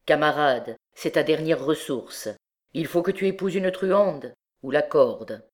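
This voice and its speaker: A woman's voice: low-pitched, a little slow. Woman narrator voicing a brutal, bellowing male thief king for an audiobook. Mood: mocking. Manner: loud, bellowing commands.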